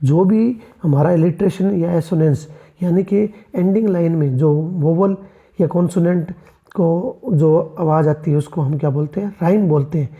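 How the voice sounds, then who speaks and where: A literature teacher delivers an exam-prep lecture in a mid-range, unhurried voice over narrow, tinny audio. The teacher poses rhetorical questions and answers them, calls the students friends, and mixes English terms into the explanations.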